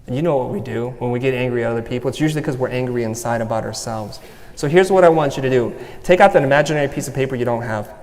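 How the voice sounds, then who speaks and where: A man gives a motivational talk from a stage, earnest and personal as he guides listeners step by step through an exercise. His middle-pitched, slightly mellow voice races along, and a long hall reverb lingers after each phrase.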